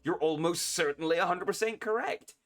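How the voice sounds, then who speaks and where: A man giving casual, self-deprecating commentary while playing a video game, chatty and prone to quick exclamations. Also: sits high. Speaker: game streamer. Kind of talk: casual let's-play commentary.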